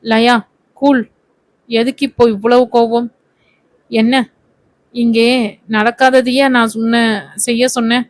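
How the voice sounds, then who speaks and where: A woman's voice: on the high side, little pitch movement, slow, pauses often, no room sound. Woman reading as a mocking young male star. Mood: taunting. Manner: teasing, taunting.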